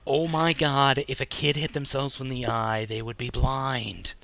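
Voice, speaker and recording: A man's voice: mid-range voice, little pitch movement, unhurried, creaky, a bit bright, no room sound. An American man co-hosting a casual podcast chat, talking in a slangy, emphatic, jokey way. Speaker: podcast co-host. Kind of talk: casual chat about toy news.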